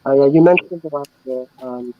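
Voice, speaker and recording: A man taking part in a workshop asks a question haltingly over a video call while his audio keeps glitching and breaking up. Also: medium pitch, phone-quality sound. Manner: halting, hesitant. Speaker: workshop participant.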